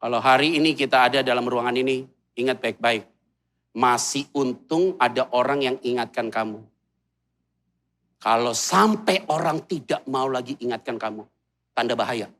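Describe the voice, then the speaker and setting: A man, preaching a humorous sermon in a large church hall in a mall and swinging between quiet asides and loud outbursts. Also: mid-range voice, normal speed. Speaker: pastor.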